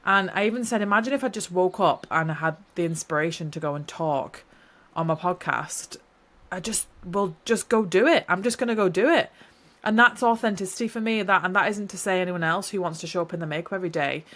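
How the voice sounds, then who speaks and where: Speaking briskly in a lowish, fairly bright voice, this young woman from New Zealand chats casually on her solo podcast. She sounds slightly nasal and a bit congested from hay fever, and her delivery is heartfelt, earnest and meandering.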